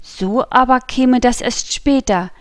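A woman's voice: on the high side, slow pace, dry recording, pitched above the performer's own voice. A servile, gossipy innkeeper, as a woman narrator puts him on, eager to please and full of tales. His chatter comes close and dry, with nothing of a room around it.

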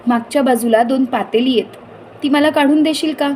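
Woman doing a brisk cheerful storybook mother. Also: high-pitched, a little mellow, slight background noise, close to an everyday voice. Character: cheerful mother full of ideas.

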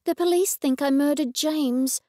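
A woman voicing an anxious middle-aged heroine, speaking a little higher and more urgently than her narration. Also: a little slow, mellow, no room sound, clean studio sound. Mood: worried.

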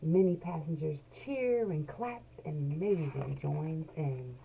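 In a low-pitched, creaky voice, a middle-aged woman brings a children's picture book to life as a read-along host, reading deliberately and drawing out key words with animation. It's a noisy home webcam recording from a small room.

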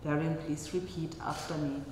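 A woman's voice: low voice, steady tone, a little mellow. Woman officiating a chapel wedding. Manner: formal, measured, leads vows line by line. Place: small wedding chapel indoors. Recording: echoey chapel reverb, faint noise.

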